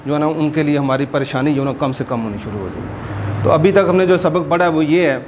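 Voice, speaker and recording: Male Quran teacher, fairly high voice, patient explainer who slows down to model each word, faint noise behind. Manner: explanatory, repeats words slowly to demonstrate pronunciation. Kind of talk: informal religious class lesson.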